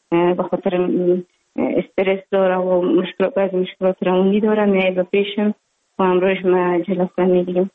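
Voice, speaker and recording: A woman psychologist with an Afghan Dari accent, answering interview questions with many pauses and fillers. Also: mid-range voice. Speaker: psychologist guest. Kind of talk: phone interview on radio. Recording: tinny phone line.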